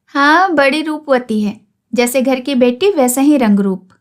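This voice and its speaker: Woman doing a nasty sarcastic mother-in-law, sneering, high voice. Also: unhurried. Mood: scornful. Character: harsh scornful mother-in-law.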